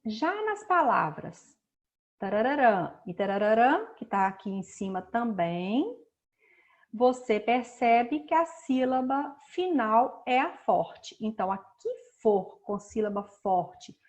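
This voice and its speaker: Patient woman teacher slowly stressing syllables. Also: a little high, very animated. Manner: patient, slow and explanatory, stretching out words to stress syllables. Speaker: schoolteacher. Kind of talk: recorded remote class lesson.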